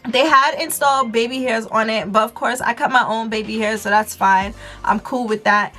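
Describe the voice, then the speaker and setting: Higher-voiced American woman, slangy and chatty. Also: fairly even intonation, normal speed, bright, forceful tone, faint music behind. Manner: slangy, informal, addressing viewers as y'all. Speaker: beauty vlogger reviewing a wig. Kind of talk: casual chatty product review.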